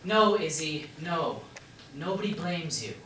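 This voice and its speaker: A man playing a calm, grieving young father, distant and echoey. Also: fairly high pitch. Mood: reassuring. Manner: calm, measured, a little defensive. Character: patient, grieving young father selling his house. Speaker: stage actor. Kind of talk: stage play performance. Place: theater stage. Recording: echoey room, far-off mic, noisy.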